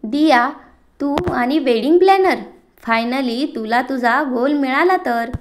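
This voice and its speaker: A woman's voice: sits high, slow pace, slight background noise. A woman reading a puzzled young woman. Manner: curious, questioning.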